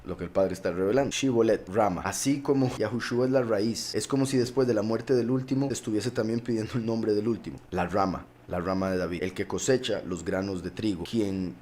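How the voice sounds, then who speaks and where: Low-voiced Costa Rican preacher teaching scripture. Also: male voice, a little fast, hardly any pauses, a little mellow. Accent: Costa Rican Spanish. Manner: expository teaching, repeating key words for emphasis. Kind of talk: sermon.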